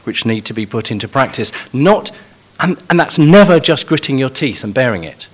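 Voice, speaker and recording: A man's voice: medium pitch, animated, moderate pace. A man preaching a sermon in an earnest, emphatic way, pressing hard on key points.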